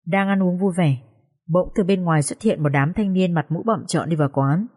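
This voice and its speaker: A woman reading the part of a calm, careful schoolteacher in an audio story, giving a measured account of events. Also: lowish voice, natural voice. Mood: recounting.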